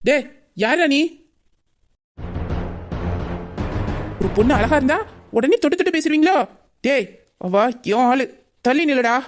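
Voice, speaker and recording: A woman voicing a leering young man who harasses a woman, with sly muttered asides and fawning flattery, in an amateur audio drama. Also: high voice, moderate pace, faint music behind. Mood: defensive.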